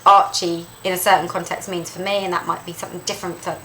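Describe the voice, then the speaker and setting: A woman teaches dog recall in a bright, clear voice, lively and emphatic. She repeats key points for clarity. A faint hiss of noise sits underneath. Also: quick pace, rough recording. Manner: lively and emphatic, repeats key points, jumps up high when voicing calls to her dog. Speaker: dog trainer presenting a video lesson. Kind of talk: instructional talk to camera.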